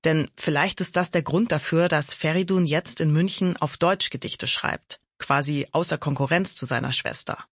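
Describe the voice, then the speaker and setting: Breathy woman narrating a podcast. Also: low voice, normal speed, hardly any pauses, no room sound, clean studio sound. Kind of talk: scripted documentary narration.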